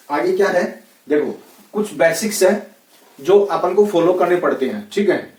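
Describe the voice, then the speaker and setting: A man with a Rajasthani Hindi accent and a fairly high voice, teaching grammar in a loose, chatty classroom way. He keeps checking in with his listeners. The echoey room and his distance from the mic give the sound a hollow edge. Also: darkish tone. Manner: chatty, repeats "ठीक है, है ना" constantly. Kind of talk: casual classroom lecture.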